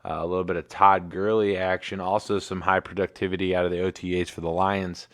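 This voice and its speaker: A man's voice: low-pitched, flat delivery, brisk, a bit bright, no echo, studio quality. A man in his thirties hosting a casual livestream sports show, laid-back and rambling with plenty of fillers. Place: home in Michigan.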